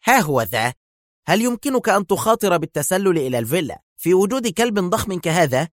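A man's voice: high voice, sing-song, fast talker, no room sound, clean studio sound, voice pushed up. A man voicing a nervous, agitated male police chief. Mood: uneasy.

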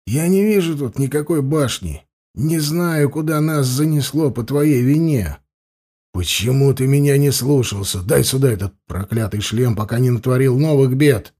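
A man's voice: mid-range voice, normal speed, dark tone, slightly rough, lightly acted. A man voicing an irritable young priest who scolds his companion in an audiobook. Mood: irritated. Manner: exasperated, scolding.

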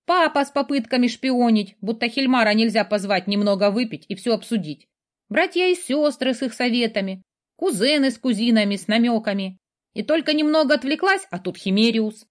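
Spirited young princess, lively and playful, animated voice, voiced by the woman narrator. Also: a little high, brisk, pitched above the performer's own voice, close to an everyday voice. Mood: exasperated. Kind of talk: audiobook character voice.

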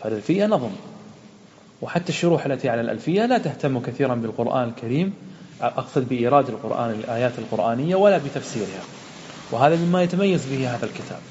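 Sheikh teaching grammar in an echoing hall. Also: male voice, mid-range voice, lively intonation, darkish tone. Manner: explains slowly, repeats word forms, asks and answers own questions. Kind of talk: classical Arabic grammar lesson. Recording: muffled lo-fi audio with long reverb in a hall, faint hum.

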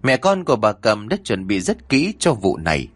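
A man telling a scripted horror story in a lively, dramatic way. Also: lowish voice, normal speed, dry recording.

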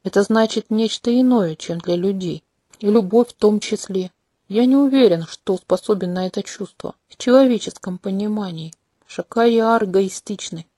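A woman voicing a smooth, manipulative inhuman prince. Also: mid-range voice, normal speed, warm tone, dry recording, studio quality, lightly acted. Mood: gently mocking. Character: charming, manipulative male non-human empath prince. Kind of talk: audiobook character reading. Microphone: close home mic.

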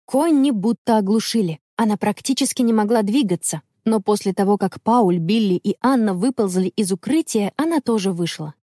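A woman telling a children's story in measured, expressive audiobook narration. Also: medium pitch, dry recording, clean studio sound.

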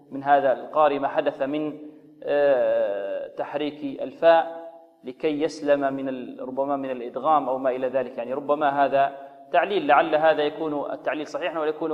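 A man teaching Quran recitation rules, explaining slowly, asking rhetorical questions and modeling recited examples. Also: fairly high pitch, long reverb tail, phone-quality sound. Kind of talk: tajweed lesson with recited examples.

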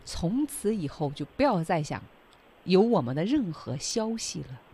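A woman co-hosting a radio English lesson in a casual, chatty way. She restates each point in plain terms and asks questions back. Her pitch moves around a lot. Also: very animated, normal speed, dark tone, slightly rough, dry recording. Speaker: co-host.

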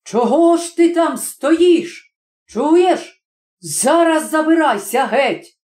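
A woman voicing an angry young village blacksmith who shouts harshly. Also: high voice, animated, takes it slowly, reverberant, voice pushed up. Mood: furious. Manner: shouting angrily.

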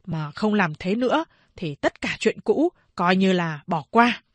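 A woman voicing a blunt male official who gives loud, commanding orders. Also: mid-range voice, animated, unhurried, dry recording. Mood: gruff insistence.

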